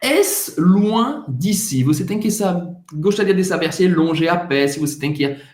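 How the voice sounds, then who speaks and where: A man leads a casual language lesson. His voice sits somewhat high, and he repeats phrases slowly and carefully for learners. The sound rings with the echo of the room. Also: darkish tone. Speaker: French teacher.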